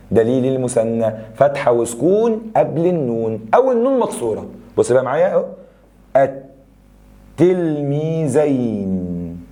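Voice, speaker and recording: A young adult man with an Egyptian accent teaching a grammar review lesson, explaining rules and firing quick questions at students. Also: medium pitch, mellow. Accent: Egyptian Arabic.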